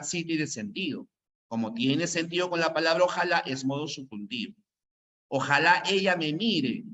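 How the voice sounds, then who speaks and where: The teacher's voice here is fairly high, pushed and bright as he drills grammar points home in class. Repetition is constant, with many "¿no?" check-ins, and the recording sounds dull and lo-fi.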